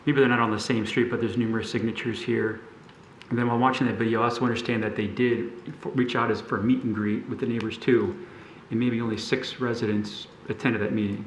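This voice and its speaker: A man on a city zoning board asking questions and discussing a case, thoughtful and halting, often restarting his sentences. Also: fairly low pitch, steady tone, reverberant, slight background noise, rough recording.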